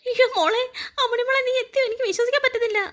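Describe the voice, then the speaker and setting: A woman's voice: very high-pitched, fairly even intonation, rapid-fire, a bit bright. A woman voicing a worried, fussing young mother in a cartoon, anxious and scolding. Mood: relieved.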